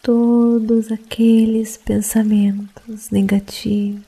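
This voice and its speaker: A woman guiding a sleep meditation in a soft, breathy, partly whispered voice, hushed and calming as if late at night. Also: fairly high pitch, takes it slowly, rough recording. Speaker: meditation guide.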